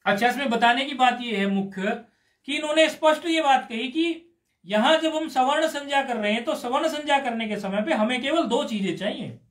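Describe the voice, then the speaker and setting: A man's voice: extremely high pitch, a little fast, a bit bright. A man teaching Sanskrit grammar in a live class, explaining patiently step by step and asking his students questions. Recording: roomy echoey room.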